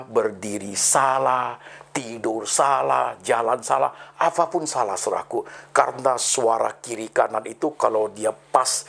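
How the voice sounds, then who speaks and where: A middle-aged pastor gives a testimony sermon about his own life, calling the congregation brothers and sisters after almost every phrase. His delivery is slow and dramatic, broken by sudden high lifts, and his voice has vocal fry, a slight brightness, and a breathy edge.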